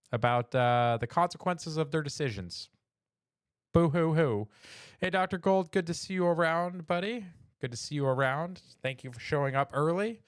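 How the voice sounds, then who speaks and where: A man's voice: fairly high pitch, clear, resonant tone, no echo, clean studio sound. A man hosting a weekly news livestream, mocking and chatting with viewers. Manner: mocking, sarcastic, talks to chat. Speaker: host of a weekly news stream. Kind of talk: casual livestream commentary.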